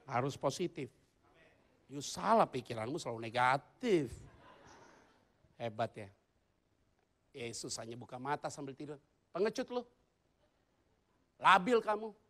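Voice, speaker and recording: A male pastor preaching a humorous sermon in a church, moving between loud excited bursts and quiet asides. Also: a little high, moderate pace, pauses often.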